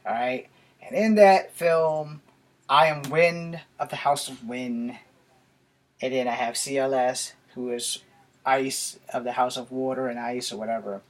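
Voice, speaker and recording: This YouTube vlogger, an American man in his forties, has a medium-pitched voice and speaks steadily and unhurriedly. His rambling, casual talk to camera happens in a small bedroom, picked up by a camera a few feet off in a noisy, clicky home recording.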